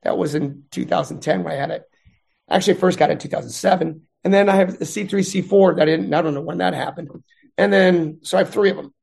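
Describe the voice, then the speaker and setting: A middle-aged man, a veteran and math instructor, chatting in an interview with animated, rambling storytelling. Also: high-pitched, fast talker, gravelly, husky. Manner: rambling, animated retelling with voiced quotes.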